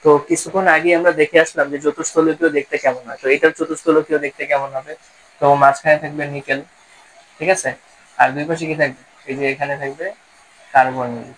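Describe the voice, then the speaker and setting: A man's voice: a little high, steady tone, fast, a bit bright, a little hiss or hum, poor audio. A man teaches a chemistry lesson step by step, posing questions and then answering them himself. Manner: explaining step by step, asks and answers own questions. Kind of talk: classroom-style lesson.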